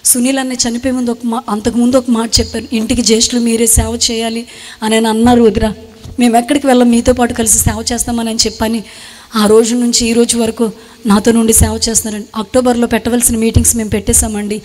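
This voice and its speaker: Young woman, kinda high voice, earnest halting testimony, long echo like a big hall. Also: little pitch movement, a little mellow. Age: young adult. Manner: earnest, halting retelling in short phrases. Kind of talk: emotional spoken testimony.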